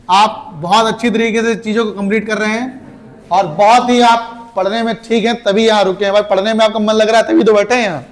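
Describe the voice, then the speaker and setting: Male teacher with a high voice and a slightly hoarse throat, lively classroom delivery, quizzes students. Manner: lively, recites verse dramatically, asks class questions. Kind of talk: classroom lecture.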